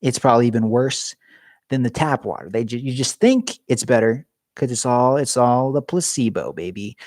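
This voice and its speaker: A young man's mid-range, slightly mellow voice carries expression at a moderate pace as he chats and jokes on a live stream from his garage. He rambles on even as his voice wears down and he loses it. The sound is studio quality, free of room noise.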